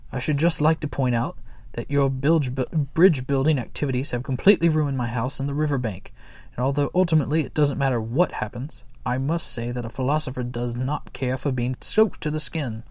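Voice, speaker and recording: A man's voice: mid-range voice, brisk, a little mellow, no echo, close to an everyday voice. A man voicing a gloomy, pompous old male muskrat who fancies himself a philosopher, speaking in a lofty, dismissive way.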